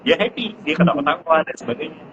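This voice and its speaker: A man in his thirties, a parent sharing parenting tips in a casual live-stream chat, who jumps into a high pitch to mimic his child. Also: quick pace. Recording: muffled live-stream audio with background noise.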